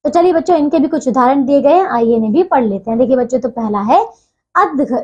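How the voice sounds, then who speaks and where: A woman's voice: high-pitched, expressive, fast talker, dark tone, husky, muffled recording. A woman teacher explaining a textbook lesson to children, patiently repeating phrases and checking in often.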